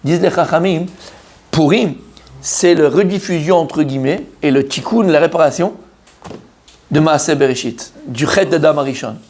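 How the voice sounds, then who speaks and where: A man teaching a lively religious class to a room of men, asking questions and answering them himself, mixing Hebrew terms into his French. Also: a little high, moderate pace. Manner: acts out the story's characters, mixes Hebrew terms into French.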